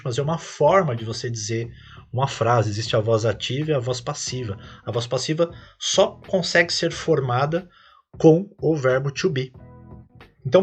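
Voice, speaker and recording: A man with a husky, mid-pitched voice and a Brazilian Portuguese accent teaches English on his podcast. He explains patiently step by step and lifts his voice to stress each English example phrase. Faint music plays underneath. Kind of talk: podcast lesson.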